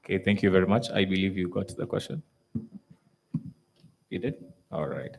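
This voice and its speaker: A man runs the floor at a panel forum. He is brisk, pushing the questions along quickly. His voice sits somewhat low. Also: creaky. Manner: brisk, hurrying speakers along. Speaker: moderator. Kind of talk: moderating a panel.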